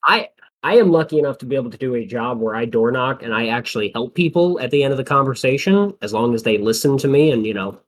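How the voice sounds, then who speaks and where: This young Midwestern podcast co-host talks fast in an animated, mid-range voice during a casual chat. He tells stories full of acted-out quotes and breaks into laughter often.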